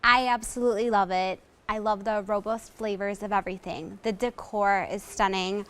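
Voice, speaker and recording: A woman from Ukraine, a guest reviewer, speaking enthusiastically and at a measured pace on a TV discussion. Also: mid-range voice, fairly even intonation, a bit bright. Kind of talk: casual TV discussion.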